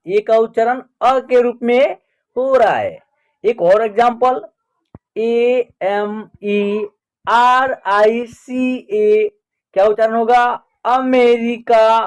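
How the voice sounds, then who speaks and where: A man's voice: high voice, a little mellow. A man with a Hindi accent teaching English pronunciation, spelling words out letter by letter and checking in with learners. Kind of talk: slow spelling and pronunciation lesson.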